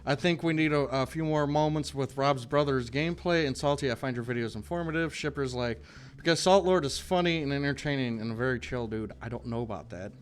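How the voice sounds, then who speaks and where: A man's voice: medium pitch, a little fast, clear, resonant tone. A man hosting a game stream, casually reading chat comments aloud and stumbling over names.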